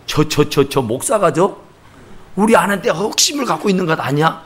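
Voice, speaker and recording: A man voicing a jealous, scornful husband who is a doctor, speaking in a lowered, grumbling, condescending way. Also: animated, brisk, breathy edge. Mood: suspicious.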